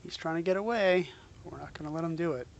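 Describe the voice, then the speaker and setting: A man's voice: a little high, fast, vocal fry, muffled recording, slight background noise. A man streaming a game, giving casual commentary mixed with spoken commands.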